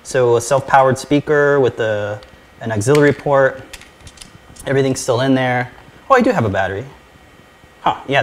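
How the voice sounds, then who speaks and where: A man's voice: medium pitch, slight background noise. A man co-hosting a casual electronics project show, joking and laughing as he demonstrates hardware. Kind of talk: casual live show chat.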